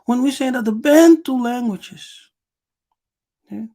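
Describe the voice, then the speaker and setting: Slow, gravelly-voiced man lecturing. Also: very high-pitched, mellow. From Angola. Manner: emphatic, repeats words and punctuates with "yes". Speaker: channel host. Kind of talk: lecture, reading passages aloud and commenting.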